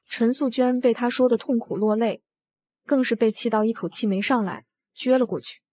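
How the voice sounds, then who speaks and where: A woman tells a drama story in the first person at a steady pace. Her voice sits a little high, and the recording sounds dull and lo-fi. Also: normal speed, dry recording. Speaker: narrator. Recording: dull lo-fi audio.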